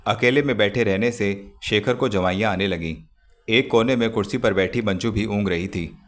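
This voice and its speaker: Male audiobook narrator, low voice, measured novel reading. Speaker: audiobook narrator and channel host.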